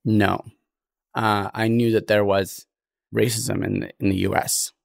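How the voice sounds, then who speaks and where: A young adult man from Ethiopia, a podcast guest talking in an earnest, reflective way with frequent pauses. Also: lowish voice, little pitch movement, gravelly. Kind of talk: conversational interview.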